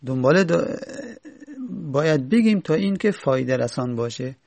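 A man's voice: on the high side, animated, vocal fry, a little mellow. A man teaching Arabic grammar, reading lines from an Arabic text and then explaining them step by step.

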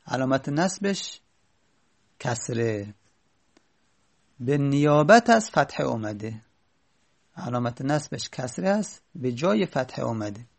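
A man gives a grammar lesson in a gravelly voice with a middling pitch. He talks patiently, going over each rule more than once and leaning on the important words. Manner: patient, repeats key points with stress. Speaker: teacher.

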